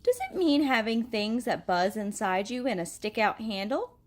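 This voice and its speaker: A shy little velveteen toy rabbit asks his questions timidly, as a woman puts him on. His voice is fairly high and soft in manner. This is storybook read-aloud work. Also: animated, moderate pace, close to an everyday voice. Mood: wondering.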